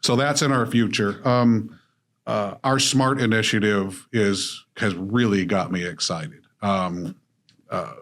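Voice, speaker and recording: This middle-aged man from Illinois, an author and business coach, appears as a podcast guest in a conversational interview. He speaks steadily and reflectively, with a fairly low pitch and a fairly bright tone.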